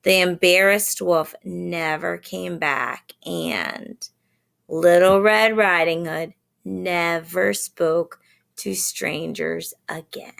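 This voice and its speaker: A woman reading a children's story aloud in a gentle way, pausing to explain words for young listeners. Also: on the low side, fairly even intonation, vocal fry.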